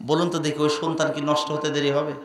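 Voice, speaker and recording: A man preaching a sermon, swinging from quiet questions to loud chanted outbursts and urging the crowd to answer louder. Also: on the high side, little pitch movement, fast. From Bangladesh. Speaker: preacher at a religious gathering. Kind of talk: impassioned Islamic sermon with sung passages. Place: large religious gathering. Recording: echoey venue with faint music.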